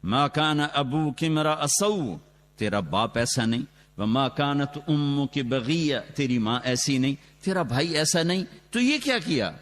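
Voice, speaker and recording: A man preaching a sermon and telling the story dramatically, his voice rising loudly, with Quranic Arabic chanted slowly. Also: medium pitch, slight background noise. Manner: dramatic storytelling with sudden loud rises and quick asides. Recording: long reverb from a large hall, on a loudspeaker.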